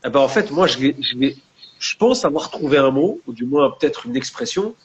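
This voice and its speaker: Very animated and brisk, a young medium-pitched guest author speaks in a lo-fi recording. Of Maghrebi family in France, he has an urban accent and casually combines street slang with Arabic religious words in the discussion.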